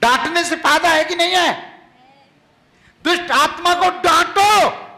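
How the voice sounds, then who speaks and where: Brief: male pastor, very high bright voice, slow deliberate sermon. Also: reverberant. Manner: animated, shouted rebukes.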